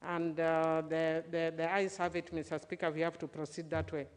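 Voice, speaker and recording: A woman who is a member of parliament makes a formal debate speech in a somewhat halting way. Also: low-pitched, little pitch movement, smooth. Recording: echoey large chamber.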